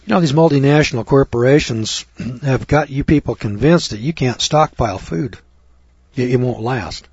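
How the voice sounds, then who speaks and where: A man's voice: medium pitch, normal speed, darkish tone, slightly rough, dry recording, muffled recording. An older American man preaching, reading scripture aloud and breaking off into blunt, crude, scornful remarks. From United States. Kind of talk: folksy sermon reading scripture.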